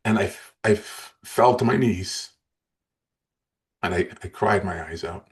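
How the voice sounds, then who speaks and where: Speaking at a measured pace, a man in his sixties with a very deep voice appears as an interview guest. He recounts his story earnestly and with emotion, frequently restarting his sentences.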